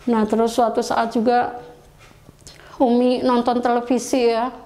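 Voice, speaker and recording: Middle-aged woman, high voice, emotional testimony with pleading prayers. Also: flat delivery, unhurried, warm tone. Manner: refers to herself as Umi, pleading quoted prayers. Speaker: guest telling her conversion story.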